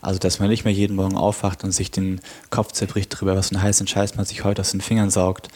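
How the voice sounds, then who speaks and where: Low, husky man in casual discussion. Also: monotone, darkish tone. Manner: halting, rephrasing as he goes.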